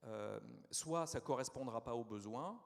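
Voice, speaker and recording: A man speaking on a round-table panel, explaining in a halting, hesitant way. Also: medium pitch, expressive, vocal fry. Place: conference hall. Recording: conference hall reverb.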